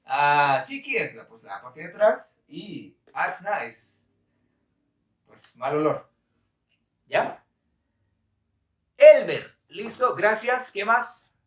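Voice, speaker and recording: A man's voice: high-pitched, big pitch swings, drawn-out words, long pauses, echoey room, recorded from a distance. A man teaching a live-stream language lesson in a chatty, laughing way, reading viewer comments aloud. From Bolivia. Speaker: Quechua teacher.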